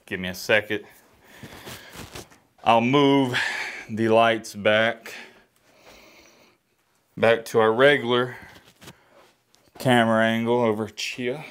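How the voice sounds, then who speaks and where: A man's voice: medium pitch, fairly even intonation, slow pace, pauses often, fairly bright tone, clear, resonant tone. A man, giving an exasperated, emphatic game breakdown as a sports fan host. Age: 20s. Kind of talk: ranting game breakdown to camera. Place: home room, indoors.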